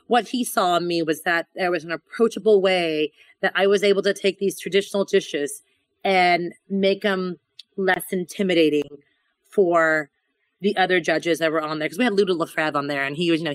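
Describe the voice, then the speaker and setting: Chef guest, woman, chatty storyteller, slightly low voice, dry recording. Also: moderate pace, no room sound, low-quality recording. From born in Thailand to Laotian parents. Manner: chatty, animated storytelling with repeated words. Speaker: chef and restaurant owner. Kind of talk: casual interview conversation.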